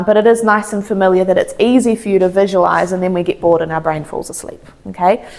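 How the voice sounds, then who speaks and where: Woman chiropractor giving an informal health talk. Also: mid-range voice. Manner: explains in simple everyday terms. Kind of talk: informal educational presentation.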